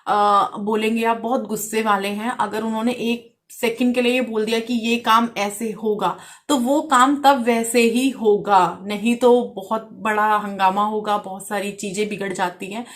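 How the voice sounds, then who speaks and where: A woman's voice: medium pitch, level tone, a bit bright. Frank Hindi-speaking woman vlogger. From India. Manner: frank, talks quickly at times. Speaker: vlogger answering viewer questions. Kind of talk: casual Q&A chat.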